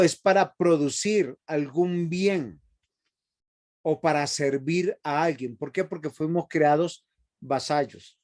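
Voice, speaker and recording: A man's voice: fairly high pitch, a little mellow. A man teaching a seminary Bible class, emphatic and often asking the class rhetorical questions.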